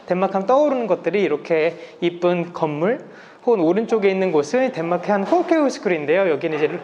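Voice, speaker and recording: A man's voice: sits high, darkish tone. A man in his thirties from South Korea gives a polite, explanatory public lecture, slightly muffled through a face mask. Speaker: guest lecturer. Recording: masked live talk with background noise.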